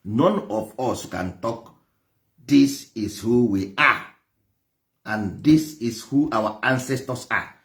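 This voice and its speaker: With a medium-pitched, slightly bright voice, a Nigerian man from Igboland speaks slowly. Igbo is his first language, his accent shows it, and he teaches traditional religion. He preaches passionately, stressing ideas through repetition and rhetorical questions.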